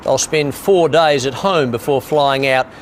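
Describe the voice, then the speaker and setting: A man's voice: mid-range voice, unhurried, a little hiss or hum. A man reading scripted sports news. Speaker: sports newsreader.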